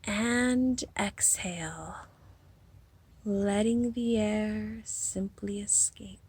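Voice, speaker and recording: A woman's soft, breathy, mid-range voice leads a guided hypnosis meditation. She stays soothing and slow, pausing at length between each phrase.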